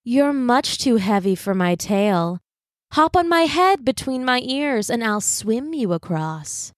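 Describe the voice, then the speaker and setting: A woman's voice: a little high, slow pace, no echo, studio quality. A woman doing a sly coaxing fox. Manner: calm, coaxing. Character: sly smooth-talking female fox.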